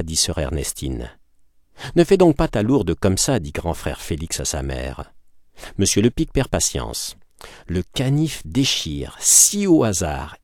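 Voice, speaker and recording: Lively deep-voiced male storyteller. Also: no echo, studio quality. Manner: lively, acted-out narration. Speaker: audiobook reader. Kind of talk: expressive literary reading.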